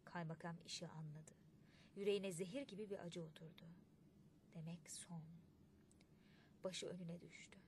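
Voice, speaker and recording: A woman reading a literary audiobook in a measured, expressive way. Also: fairly low pitch, slight background noise. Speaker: audiobook narrator.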